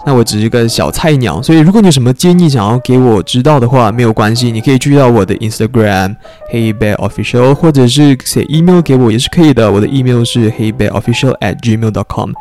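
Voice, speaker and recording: A man's voice: mid-range voice, brisk, darkish tone, faint music behind. A young man hosting a podcast in a chatty, self-mocking storytelling style. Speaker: podcast host. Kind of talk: casual storytelling monologue.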